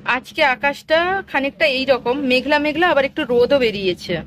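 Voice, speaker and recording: A woman's voice: high voice, moderate pace, fairly bright tone. A woman in her thirties, a mother, chatting casually to camera at home, cooking and talking about her family in an easy, doting way. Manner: chatty, doting baby talk with her child. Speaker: vlogger and mother. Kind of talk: casual home vlog narration. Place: home kitchen.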